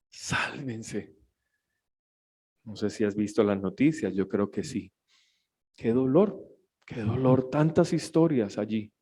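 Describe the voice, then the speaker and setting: Impassioned pastor preaching. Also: male voice, mid-range voice. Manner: emotional, shifts from hushed to shouted pleas. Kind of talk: sermon. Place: church.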